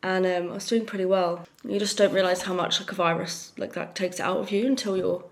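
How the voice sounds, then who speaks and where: A woman's voice: lowish voice, fairly even intonation, fairly quick, poor audio. A young woman, vlogging casually and sounding out of breath while she recovers from illness. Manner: chatty, grateful, laughs often. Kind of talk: casual vlog chat to camera. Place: outdoors on a walk, then at home.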